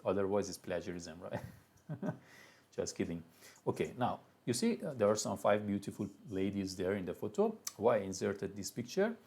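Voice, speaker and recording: A man's voice: low voice, a little mellow. A man from Iran with a Persian accent, a university lecturer giving a live classroom lecture in a loose, chatty way with many restarts.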